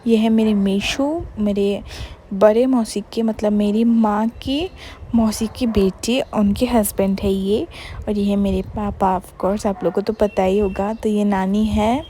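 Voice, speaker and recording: A woman's voice: medium pitch, fairly even intonation, unhurried, mellow, slight background noise. A young woman from Bengal, chatting casually over her vlog footage and mixing in English words and fillers. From Bengal, India. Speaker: vlogger.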